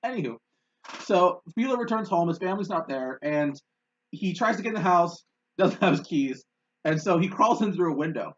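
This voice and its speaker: A man's voice: high-pitched, lively intonation, normal speed, muffled recording, a little hiss or hum. A man co-hosting a podcast, telling a story in a loose, rambling way with frequent laughs. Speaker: podcast co-host. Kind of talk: casual chat.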